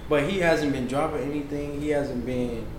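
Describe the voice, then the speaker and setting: A man's voice: fairly high pitch, fairly even intonation, moderate pace. A man chatting casually in slang, swearing freely and saying "bro" emphatically in nearly every sentence. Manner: profane, emphatic, says "bro" constantly. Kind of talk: casual, slangy hangout chat. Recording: echoey room, clear background noise.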